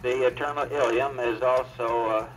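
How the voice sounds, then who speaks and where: A man on an old wire recording, a doctor dictating a medical report in a halting, steady manner with many filler pauses. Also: mid-range voice, poor audio. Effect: old wire recording played back.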